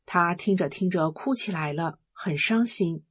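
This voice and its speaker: A woman with a lowish, slightly husky voice reads a personal account in an even, earnest tone. The recording is dry and close, with no room sound around her. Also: unhurried, no room sound. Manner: steady, earnest reading tone. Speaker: reader of testimony articles. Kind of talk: scripted narration.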